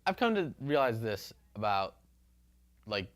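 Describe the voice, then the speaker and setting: A man's voice: fairly low pitch, measured pace. Rambling young man from Ohio. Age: young adult. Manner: rambling, animated, gets riled up and loud. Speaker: co-host. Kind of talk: casual chat.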